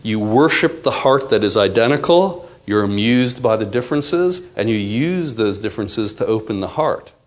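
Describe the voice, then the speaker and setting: A man's voice: lowish voice, moderate pace, few pauses. A man teaching a live seminar to an audience, acting out quotes and asking the room questions. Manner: animated, acts out quotes, asks the audience questions. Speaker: workshop teacher.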